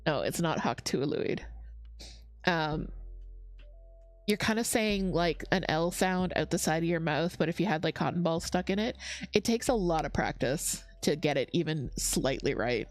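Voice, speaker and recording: A woman's voice: deep voice, lively intonation, normal speed. A woman hosting a crafting livestream, chatting casually, reading chat comments aloud and laughing often. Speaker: livestream host.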